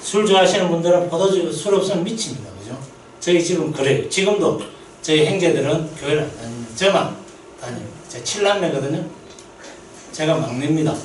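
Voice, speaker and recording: A man's voice: fairly high pitch, a little fast, roomy sound, recorded from a distance, slight background noise, rough recording. A man preaching a sermon as a missionary pastor at a mission meeting, telling stories and asking the congregation questions. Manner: lively storytelling, asks the congregation questions. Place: church sanctuary.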